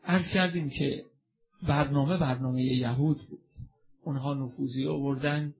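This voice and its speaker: A man's voice: medium pitch, gravelly, dull audio. A man preaching a religious sermon with a passionate delivery, asking the audience questions and answering them himself. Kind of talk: religious sermon and mourning recitation.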